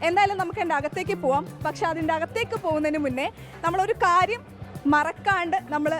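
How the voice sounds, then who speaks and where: Very high, quick Malayali woman presenter mixing English. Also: fairly bright tone, faint music behind. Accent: Kerala Malayali. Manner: Malayalam mixed with English slang words. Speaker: vlog presenter. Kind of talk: casual on-location presenting.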